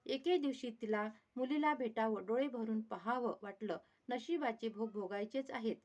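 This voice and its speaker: A woman storyteller reading a devotional folk tale aloud. Her voice sits a little high for a woman, and her narration flows steadily and evenly. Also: normal speed, a little mellow.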